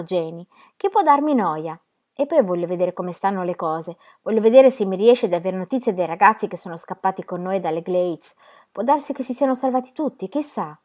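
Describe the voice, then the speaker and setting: A woman's voice: mid-range voice, darkish tone, natural voice. A restless young laborer and devoted husband, read aloud by a woman in an urgent, pleading tone. The voice is raised a little above a plain reading voice and pushes each line with feeling. It sounds like a storybook reading.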